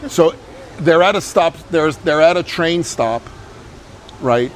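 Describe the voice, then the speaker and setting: A man's voice: on the high side, takes it slowly, slight background noise. Blunt, swearing man venting about a movie. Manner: blunt, complaining, swears freely. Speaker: movie reviewer. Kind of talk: casual post-movie chat.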